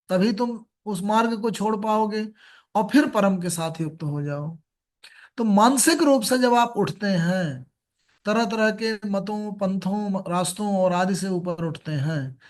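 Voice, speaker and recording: Guy with a high voice giving a calm gita talk, reciting sanskrit verses between explanations. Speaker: Gita speaker. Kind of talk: spiritual discourse on scripture.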